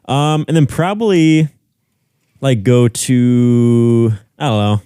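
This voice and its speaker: A man's voice: mid-range voice, slow pace, mellow, clean tone, dry recording, clean studio sound. A young man on a podcast, laid-back and rambling, peppering his talk with "like". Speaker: podcast host. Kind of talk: casual chat.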